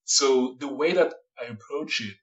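A man's voice: medium pitch, a little slow, dull audio. Man, thoughtful and hesitant. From France, Paris area. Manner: thoughtful, hesitant, many fillers, laughs lightly. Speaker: immunology researcher, guest. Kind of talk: casual interview talk.

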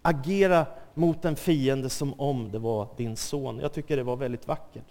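A man's voice: mid-range voice, dark tone. A man preaching a sermon who keeps checking whether his listeners are with him. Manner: asks the audience "are you with me?" again and again. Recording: long hall reverb.

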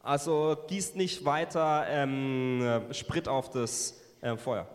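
A man interpreting a sermon line by line into German, often pausing with fillers and correcting himself. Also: mid-range voice, fairly even intonation. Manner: hesitant, frequent fillers and self-corrections. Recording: long hall reverb.

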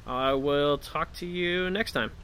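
A man's voice: a little high, slow pace, sharp tone, slight background noise. A man talking informally and a little hesitantly as the solo host of a casual podcast. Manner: informal, chatty, hesitant phrasing.

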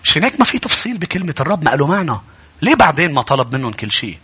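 A male pastor, preaching a fervent sermon that climbs into shouts. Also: a little high, very animated, racing, husky.

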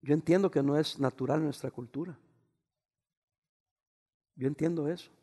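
A man, a pastor preaching a sermon, raising his voice at times and dropping into soft, quiet asides. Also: fairly high pitch, normal speed. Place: church. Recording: long reverb of a church hall.

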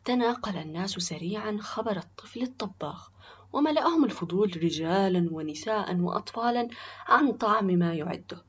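A woman narrates a scripted story in a soft, hushed way, at times nearly whispering. Her voice is breathy and husky, and the recording sounds dull and lo-fi. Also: mid-range voice, lively intonation, brisk.

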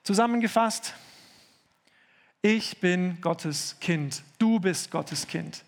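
Earnest high-voiced German preacher. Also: male voice, gravelly. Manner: earnest, slows down to stress key phrases. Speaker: pastor. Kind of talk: sermon. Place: church service.

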